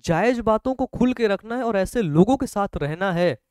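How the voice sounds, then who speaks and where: A man's voice: sits high, lively intonation, moderate pace, a little mellow, clear, resonant tone, dry recording, studio quality. A young male teacher giving a motivational talk to his students in a conversational way, checking in often with short questions.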